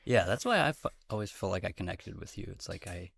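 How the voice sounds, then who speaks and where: A man's voice: sits low, expressive, brisk, vocal fry. A man from the Pacific Northwest hosting a casual podcast interview, rambling and full of filler words as he asks questions. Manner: rambling, many filler words, warm to his guest. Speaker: podcast host. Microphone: podcast mic.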